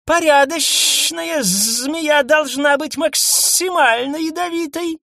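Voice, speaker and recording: A man voicing a vain, quarrelsome female alien snake who scolds her husband in a shrill, theatrical way. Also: slow, gravelly, sharp tone, no room sound, studio quality, heavily acted. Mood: scolding.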